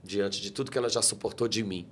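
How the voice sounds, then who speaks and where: His voice leans low and a bit bright, and he talks fast. The Brazilian guest pastor, in his 40s, delivers an emotional interview testimony, fervently quoting scripture like a preacher.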